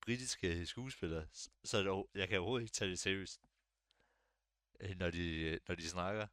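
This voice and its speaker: Low-voiced young man, smooth and dry. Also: dry recording. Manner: relaxed, hesitant, many fillers and restarts. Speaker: podcast co-host. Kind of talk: casual chat.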